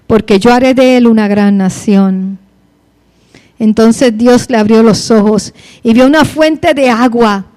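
High-voiced woman preaching a sermon. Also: a little mellow. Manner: reads scripture then preaches with rising passion.

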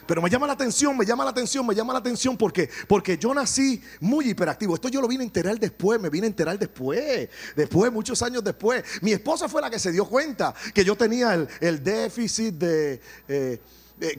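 A Puerto Rican man preaching a sermon, animated, swelling to shouts and dropping into joking asides. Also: high voice, a little fast, slightly rough. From Puerto Rico.

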